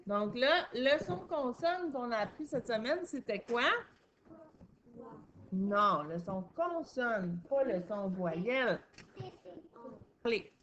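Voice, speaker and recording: A woman teacher, guiding young children through a phonics lesson with clear questions and praise. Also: on the high side, animated, slow, pauses often, fairly bright tone, muffled recording.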